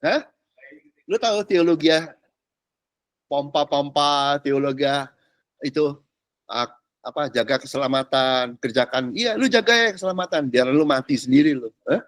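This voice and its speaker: A middle-aged male pastor teaching a discipleship class in casual slang, teasing his listeners with rhetorical questions and swinging between loud and soft. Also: on the high side, normal speed, pauses often, no room sound. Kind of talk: animated sermon teaching. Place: church classroom.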